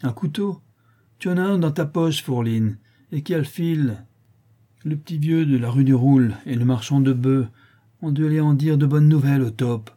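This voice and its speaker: A man's voice: fairly high pitch, normal speed, mellow, pitched above the performer's own voice, lightly acted. A man reading aloud and voicing a spiteful, mocking one-eyed old woman crook. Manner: mocking, wheedling, sneering.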